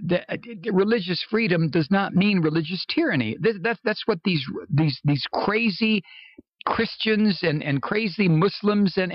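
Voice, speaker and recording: A man's voice: high-pitched, no echo, dull audio. An American man on an impassioned, sarcastic political rant, speaking as a commentator with exasperated, mocking emphasis.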